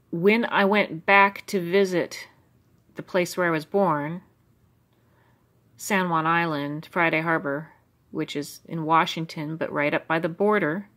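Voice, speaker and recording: An American vlogger with a low, slightly bright voice muses over her old journals. She rambles in stream-of-consciousness fashion, peppering her personal commentary with fillers.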